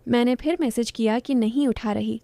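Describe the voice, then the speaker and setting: Woman narrator, romance novel read aloud, mellow tone, fairly high, dry close mic. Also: steady tone, vocal fry, dry recording. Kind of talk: reading a romance novel aloud, first person.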